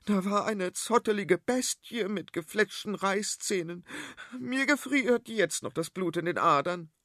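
A man voicing a shrill, bossy, dramatic queen in a storybook. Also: animated, a little slow, fairly bright tone, dry recording, clean studio sound, exaggerated voice. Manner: shrieking, scolding.

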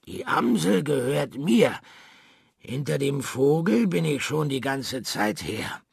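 A man voicing a small, timid but brave earthworm in a storybook reading, faking a gruff voice to bluff. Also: a little high, very animated, slow pace, dry recording, clean studio sound, voice pushed up, full character voice. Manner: trembling, then gruff when bluffing.

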